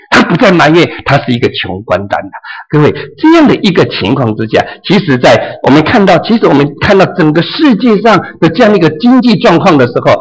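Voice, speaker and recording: A man preaching with a lively, swooping delivery. His voice sits a little high and carries a husky edge. He acts out the dialogue of a parable as he speaks. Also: rough recording. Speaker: pastor. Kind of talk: sermon.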